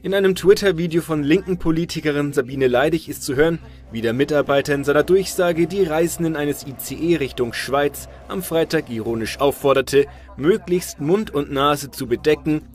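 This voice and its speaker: Higher-voiced male news narrator. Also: moderate pace. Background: music.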